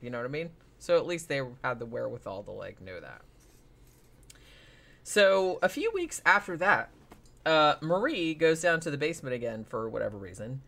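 A man's voice: a little high, big pitch swings, moderate pace, creaky, fairly bright tone. A man casually retelling a paranormal TV episode as a podcast host, rambling with lots of fillers and swearing.

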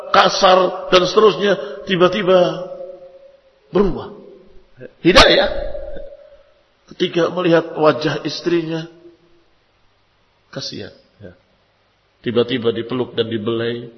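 A man preaching a sermon to married women, lively and emphatic, sometimes chanting Arabic passages in a sung tone. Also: fairly high pitch, lo-fi sound. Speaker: Islamic preacher. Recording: echoey hall reverb.

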